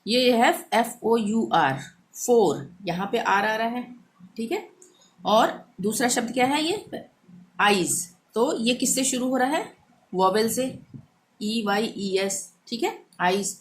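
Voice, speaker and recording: A woman teaching a language lesson, explaining pronunciation rules patiently and repeating each example slowly. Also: fairly high pitch, lively intonation.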